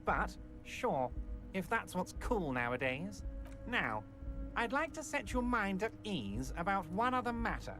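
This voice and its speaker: A towering, jovial union boss from a video game, all false comfort and smarm. His voice swings widely in pitch as he reassures. Game music sits clearly behind him. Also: sing-song, unhurried. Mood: smarmy. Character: jovial, manipulative, huge male union boss.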